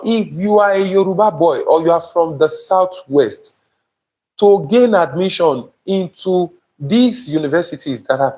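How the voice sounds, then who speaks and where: Brief: young Nigerian man, higher-pitched voice, emphatic live tutor, keeps checking on his audience. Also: darkish tone. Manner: emphatic, repeatedly checks in with viewers. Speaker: admissions tutor. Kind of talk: live-streamed teaching talk. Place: indoor studio before a printed banner. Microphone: small lapel mic.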